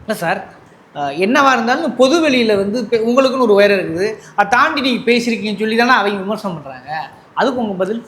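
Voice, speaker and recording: A man interviewing a guest, pressing him with quick interjections. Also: sits high, lively intonation, a bit bright. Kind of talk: political interview.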